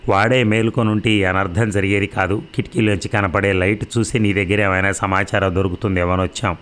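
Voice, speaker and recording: A man's voice: sits low, steady tone, fairly quick, a bit bright. A man voicing an anxious, tired old landlord who speaks in a polite, pleading way in an audio story. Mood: worried pleading.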